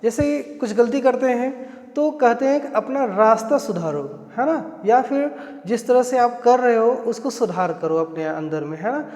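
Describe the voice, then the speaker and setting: Indian male English teacher, slow and repetitive, echoey room sound. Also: very high-pitched, animated, a little mellow. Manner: explains each phrase, repeats it, often adds "है ना". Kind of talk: spoken English lesson in Hindi. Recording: echoey room with long reverb.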